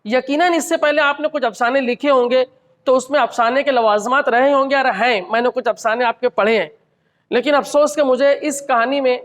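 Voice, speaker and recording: A man giving a measured, analytical critique of a short story at a literary gathering, with occasional restarts. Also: very high voice, fairly bright tone. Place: college hall. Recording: reverberant hall.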